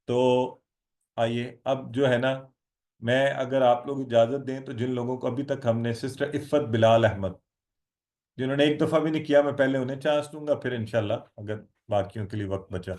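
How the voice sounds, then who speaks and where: A man's voice: medium pitch, fairly even intonation, darkish tone. Patient male teacher on a video call. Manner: patient, encouraging, drills students. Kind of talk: online Arabic lesson.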